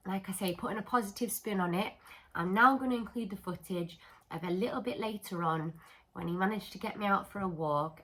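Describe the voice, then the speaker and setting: Lower-pitched woman, candid vlog talk. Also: low-quality recording. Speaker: vlogger. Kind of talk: candid talk to camera about mental health.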